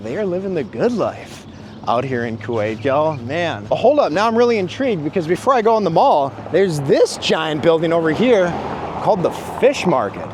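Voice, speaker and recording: Casual male travel vlogger on a handheld mic, a bit high-voiced, loud traffic behind. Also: moderate pace. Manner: excited, chatty, lots of fillers like "like" and "dude". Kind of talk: casual walking travel vlog. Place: outdoors along a busy city waterfront and in a market. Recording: loud street and traffic noise.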